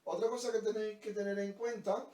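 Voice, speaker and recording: A man's voice: high-pitched, little pitch movement, fairly quick, warm tone, recorded from a distance. A man giving a grammar lesson, asking rhetorical questions and checking in with his students. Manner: explains with many examples and rhetorical questions; checks in with "¿vale?" and "¿de acuerdo?". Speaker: teacher. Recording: roomy, from away from the mic.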